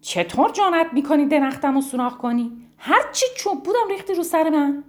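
A woman voicing a small male mouse in a children's story, talking loudly and indignantly. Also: medium pitch, big pitch swings, close to an everyday voice. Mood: angry. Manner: loud indignant shouting. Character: grumpy then cheerful male mouse.

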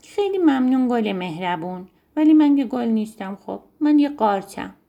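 A woman's voice: on the high side, big pitch swings, gravelly, mellow, highs cut off. A woman voicing a small, polite little mushroom in a bedtime story. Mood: sad.

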